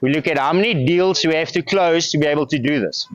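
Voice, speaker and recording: A man's voice: fairly high pitch, fast talker, dry recording, highs cut off. A South African man speaking as a business coach, giving an emphatic motivational talk to a group with plenty of rhetorical questions.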